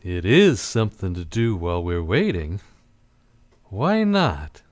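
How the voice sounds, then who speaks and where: A man's voice: sits low, wildly swooping pitch, slow, a little mellow, exaggerated voice. Man as Sam Spade, swooping wisecracking detective. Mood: sardonic. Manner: sardonic, clipped, casual. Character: wisecracking, tough, cynical male private detective. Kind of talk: old-time radio play acting.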